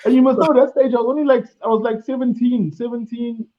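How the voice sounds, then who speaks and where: A man's voice: very high-pitched, steady tone, quick pace. A man in his thirties with a Durban South African accent, telling a story in a casual chat, laughing often and acting out voices. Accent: South African English, Durban. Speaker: co-host. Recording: muffled mic.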